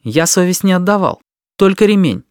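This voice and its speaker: A man's voice: sits high, expressive, a little fast, clean tone, dry recording, clean studio sound, voice pushed up. A man voicing a polite, calculating schoolboy who argues his case. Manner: polite, reasoning.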